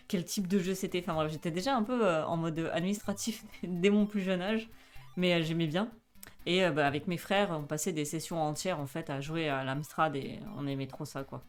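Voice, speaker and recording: A woman in her twenties chats casually on a live stream, using many fillers, reading chat aloud and laughing often. Her lowish voice keeps fairly even intonation at a fairly quick pace, with soft background music playing.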